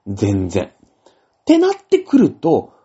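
Male host, hugely animated pitch, husky tone, lo-fi audio. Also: slow. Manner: rambling, animated storytelling with many fillers. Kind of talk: casual solo talk. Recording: dull lo-fi audio.

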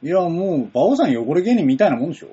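A man's voice: a little high, very animated, rapid-fire, warm tone, slightly rough. A man co-hosting a casual comedy talk show who fires off blunt, teasing retorts, on a dull lo-fi recording. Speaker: co-host.

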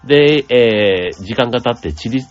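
A man hosting a radio show, explaining things in a gentle, chatty way with many asides and fillers. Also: medium pitch, expressive, normal speed, muffled recording, soft background music. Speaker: radio host. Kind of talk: casual explanatory radio talk.

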